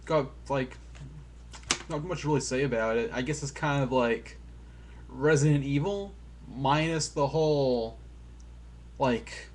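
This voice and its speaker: Male vlogger reviewing an old game off the cuff; loose, self-deprecating, filler-heavy delivery, average pitch. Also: a little mellow, a little hiss or hum. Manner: swears casually. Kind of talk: casual rambling game review.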